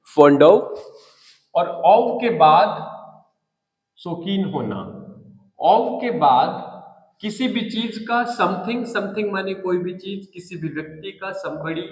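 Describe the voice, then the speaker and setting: A man with an Indian English accent gives an English lesson in a high, unhurried voice. He spells out and repeats key words with deliberate emphasis. The sound rings with a long, roomy reverb. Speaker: English teacher. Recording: echoey room with long reverb.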